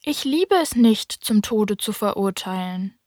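A woman's voice: medium pitch, animated, unhurried, a little mellow, no echo, clean studio sound. A woman voicing an earnest, curious little prince. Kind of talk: audiobook character voice.

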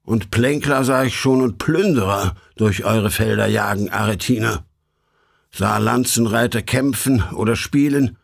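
A man reading an epic poem aloud in measured, solemn audiobook narration. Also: mid-range voice, creaky, slightly rough. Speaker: audiobook reader.

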